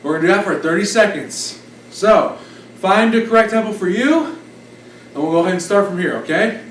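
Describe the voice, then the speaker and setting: A man's voice: high voice, animated, fairly quick, a bit bright, slight background noise. A man leading an exercise class as instructor, giving short encouraging cues and counts. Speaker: fitness instructor. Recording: roomy echo, distant mic, background music. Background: music.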